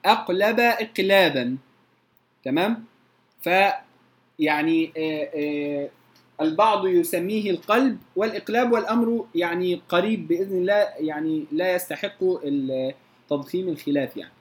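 High-pitched man teaching recitation. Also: normal speed. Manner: explains patiently, repeatedly demonstrating recitation. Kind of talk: tajweed lesson.

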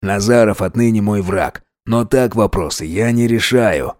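A man reading an audiobook voices a smug, cocky young man who is a wolf shapeshifter, drawling softly. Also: fairly low pitch, a little slow, dry recording, studio quality, lightly acted. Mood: earnest.

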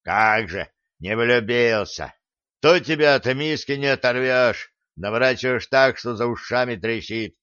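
Man playing a mocking mechanic, chomping his words, slow drawl. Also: medium pitch, fairly bright tone, clear, resonant tone, no room sound, highs cut off, lightly acted. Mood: teasing. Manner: chewing while talking, mocking. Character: teasing chomping male ship mechanic.

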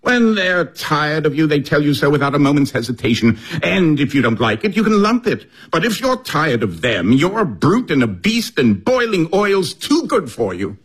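An actor playing a sheepish, evasive upper-class husband in a drawing room comedy, with a British accent and a theatrical, hemming manner. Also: male voice, a little high, big pitch swings, normal speed, hardly any pauses, fairly bright tone, husky, exaggerated voice, poor audio. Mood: pleading, exasperated.

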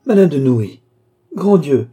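A man's voice: medium pitch, moderate pace, dark tone, breathy edge, lightly acted. A man voicing a young maid in an audiobook, pleading and protesting, coaxing at times. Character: young maid, flustered, coy, cunning. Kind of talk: audiobook reading.

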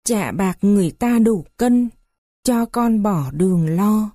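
A woman's voice: medium pitch, expressive, slow pace, warm tone, no echo, studio quality. A woman voicing a desperate young daughter-in-law who pleads in a tearful lament. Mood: pleading lament.

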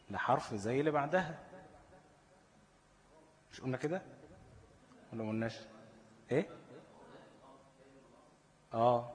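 A man's voice: medium pitch, big-room sound. A man with an Egyptian accent teaching tajweed, asking his students questions and stretching out the recited examples. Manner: call-and-response questioning, drawn-out recited examples. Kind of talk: tajweed lesson.

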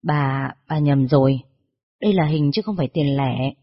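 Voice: medium pitch, normal speed, natural voice. A narrator voicing a polite young adult grandson who speaks deferentially. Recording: dull lo-fi recording.

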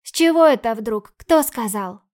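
A woman's voice: a little high, lively intonation, moderate pace, a little mellow, natural voice. A woman voicing a frightened young girl who protects her older sister and speaks urgently and pleadingly, in an audiobook. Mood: anxious pleading.

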